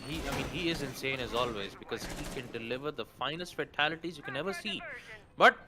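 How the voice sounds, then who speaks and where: A man co-casting a live shooter-game match, animated and wordy, with colorful turns of phrase. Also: medium pitch, quick pace, heavy background noise. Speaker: esports co-caster. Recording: game gunfire and clicks clearly audible behind.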